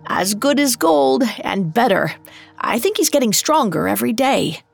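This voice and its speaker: A woman voicing a kind, poor male clerk and father who talks in a gentle, cheerful way. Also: a little high, big pitch swings, normal speed, vocal fry, faint music behind, pitched above the performer's own voice, exaggerated voice. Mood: tender.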